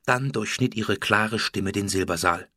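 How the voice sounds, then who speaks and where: A man narrating a storybook in a steady, measured reading. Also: on the low side, breathy edge, no room sound, studio quality. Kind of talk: audiobook narration.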